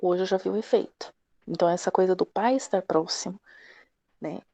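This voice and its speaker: Middle-aged Brazilian woman, direct and animated, mellow voice, dry close sound. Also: fairly low pitch, a little fast, no room sound. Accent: Brazilian Portuguese. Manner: direct, animated, acts out quoted dialogue. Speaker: class participant. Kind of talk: personal sharing in a live session.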